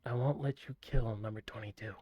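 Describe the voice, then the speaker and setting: A man putting on a low, ominous demon voice for a robot character in a video game. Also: steady tone, brisk, dark tone, no room sound, natural voice. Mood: menacing. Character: menacing demon inside a robot, male.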